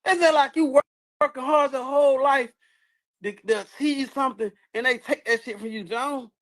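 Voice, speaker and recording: Angry high-voiced man ranting. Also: fairly even intonation, moderate pace. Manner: heated, profane, repetitive, jumps between shouting and muttering. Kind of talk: angry rant.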